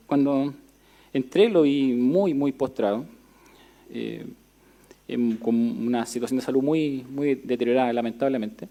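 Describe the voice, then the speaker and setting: A pastor preaches from the pulpit in a church. His voice is dark and warm, and he speaks in a conversational way, hesitating with fillers. When he reads scripture aloud, the reading is steady. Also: mid-range voice, creaky. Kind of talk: sermon with personal story and scripture reading.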